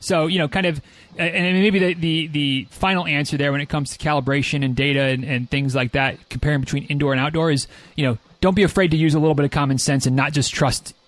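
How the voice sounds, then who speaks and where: Brief: American male podcast host, slightly high voice, very quick, rambling casual delivery. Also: fairly even intonation, fairly bright tone, no room sound. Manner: rambling, jokey, repeats himself.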